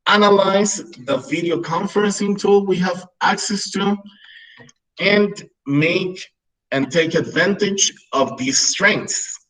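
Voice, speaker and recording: Over a video call, a Peruvian man in his thirties whose first language is Spanish presents a webinar to English teachers. His fairly high, fairly bright voice carries an explanatory tone with many "right?" checks, though the audio is poor.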